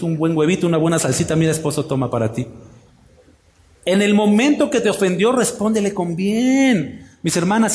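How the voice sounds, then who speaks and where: Male pastor, lively sermon, fairly high voice, echoey hall reverb. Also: slight background noise. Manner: animated, rhetorical questions, acts out wives' voices. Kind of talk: sermon to women of the church.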